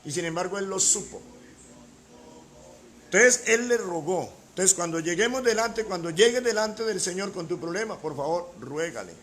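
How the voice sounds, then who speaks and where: A man's voice: high-pitched, expressive, moderate pace, a bit bright. A man preaching a sermon as pastor, emphatic, with rhetorical questions and repeated key words.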